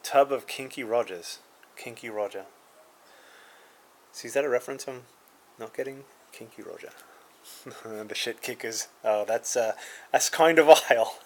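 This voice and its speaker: A man's voice: mid-range voice, unhurried, long pauses, a little hiss or hum, rough recording. A man casually reviewing a card game, reading card names aloud with dry asides and chuckles.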